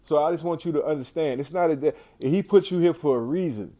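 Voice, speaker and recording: A man with a fairly high, warm voice speaks quickly, giving an inspirational, faith-driven talk indoors as a cancer survivor. His preacher-like delivery is emphatic, full of repeated phrases and frequent restarts.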